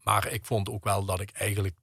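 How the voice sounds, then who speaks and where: Middle-aged man, low gravelly voice, halting interview talk, dry close sound. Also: level tone, a bit bright, dry recording. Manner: hesitant, many fillers and restarts. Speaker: guest, percussionist and conductor. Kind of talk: radio interview conversation.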